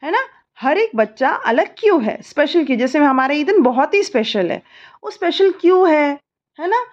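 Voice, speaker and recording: A mother with an Indian accent tutoring her child through a homework lesson, spelling words letter by letter and repeating answers slowly. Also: high-pitched, sing-song, lo-fi sound.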